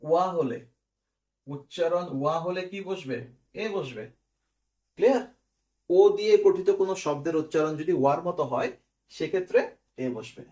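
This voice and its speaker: A man's voice: fairly high pitch, normal speed, pauses often, dark tone. A man, teaching an English grammar class step by step and often checking whether students follow. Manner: explains step by step, asks quiz questions and checks "clear?". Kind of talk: recorded online class.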